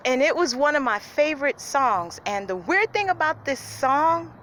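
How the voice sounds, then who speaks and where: Woman vlogger, casual and confiding, morning voice, slightly high, noisy backdrop. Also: lively intonation, moderate pace. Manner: earnest, confiding, drifts soft and quiet. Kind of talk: casual talk to camera.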